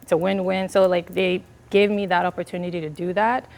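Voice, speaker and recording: Answering interview questions in an earnest, chatty manner full of fillers, a Liberian chef and business owner speaks as a guest. She has a lowish, darkish voice with vocal fry, a flat delivery, and a fairly quick pace.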